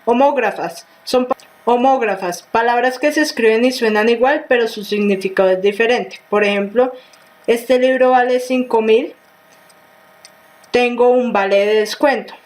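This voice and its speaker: A woman's voice: on the high side, low-quality recording. Woman reading a grammar lesson. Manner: reads slowly and carefully, with small restarts.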